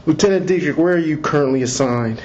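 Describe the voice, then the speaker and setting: A man, a police lieutenant, reads out a formal interview script slowly and deliberately, captured on an interview audio recorder. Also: a little high, darkish tone. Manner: slow, deliberate, measured reading. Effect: interview taped on an audio recorder, like an interrogation tape. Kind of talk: formal official interview, reading set admonitions. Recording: muffled lo-fi interview recorder audio with faint hiss.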